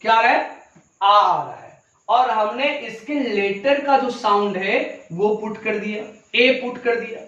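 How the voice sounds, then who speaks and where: A man with a very high voice teaches grammar at a slow, deliberate pace, putting a question to his students and then answering it. He sounds far from the mic in a very echoey room, and the recording is dull. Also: a bit bright. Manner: asks rhetorical questions and answers them himself; addresses listeners as children. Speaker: English teacher. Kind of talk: classroom grammar lesson.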